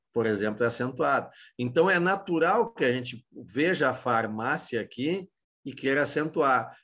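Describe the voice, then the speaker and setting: Brazilian male teacher, slightly high voice. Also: fairly bright tone. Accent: Brazilian Portuguese. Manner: explanatory, asks and answers his own questions; many fillers and restarts, informal. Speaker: Spanish teacher. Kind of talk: exam-prep lesson.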